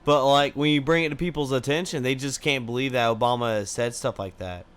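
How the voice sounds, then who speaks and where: A man's voice: medium pitch, a little fast, fairly bright tone, slight background noise. A man chatting casually as a co-host, dropping laid-back, joking remarks. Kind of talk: casual chat.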